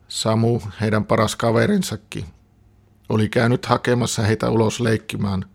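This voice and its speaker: Gravelly low-voiced man reading a story. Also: a little mellow. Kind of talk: reading a children's story aloud.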